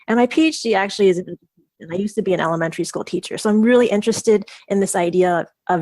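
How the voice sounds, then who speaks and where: A woman presents to a webinar audience in a relaxed, informal way. Her voice sits at an ordinary middle pitch. She thinks aloud, filling pauses with ums and reworking her phrases as she goes. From Taiwan, raised in the United States. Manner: thoughtful, with frequent ums and self-corrections. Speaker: professor giving a webinar presentation.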